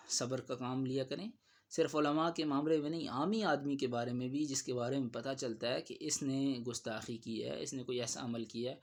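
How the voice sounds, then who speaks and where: A man giving spoken commentary on a religious dispute in a measured, admonishing tone. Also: mid-range voice.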